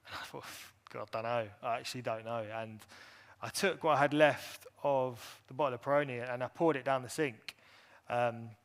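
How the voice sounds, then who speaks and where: A man telling his personal story to a conference audience, candid and halting, with many fillers and restarts. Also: mid-range voice, steady tone. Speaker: speaker at an industry event.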